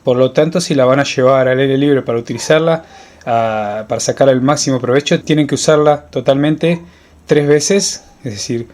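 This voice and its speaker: This is an informal instructional explanation from an Argentine outdoor guide with a mid-range voice, speaking at normal speed with no echo. He teaches in a didactic way, often checking understanding with brief questions, against clear, steady ambient background noise.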